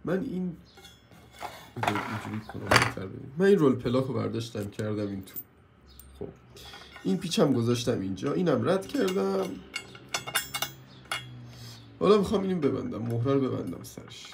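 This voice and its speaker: A man with a cold and a hoarse voice, complaining as he reviews a purchase in a casual hands-on video and keeps asking viewers for help. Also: mid-range voice, big pitch swings, background noise.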